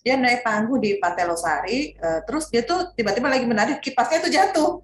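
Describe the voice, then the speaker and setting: Fast-talking woman in an echoey room. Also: fairly high pitch. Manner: animated storytelling with many fillers. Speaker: panel speaker, parent. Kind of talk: casual panel discussion. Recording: echoey room, faint ambience.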